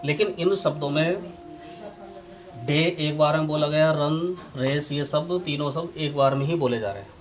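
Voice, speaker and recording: A man with an Indian accent teaching English grammar as a lesson, slowly dictating definitions word by word. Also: a little high, a little hiss or hum, low-quality recording. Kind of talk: classroom lesson explaining grammar.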